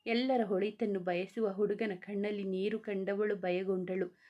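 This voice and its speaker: A woman narrating a family drama story in a steady, emotive reading. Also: mid-range voice, moderate pace, dull audio.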